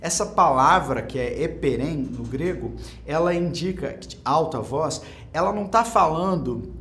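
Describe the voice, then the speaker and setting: A man's voice: high voice, fairly bright tone. Informal, earnest Brazilian preacher, a man. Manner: informal, earnest, emphatic with rising volume. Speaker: preacher and teacher. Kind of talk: Bible class sermon.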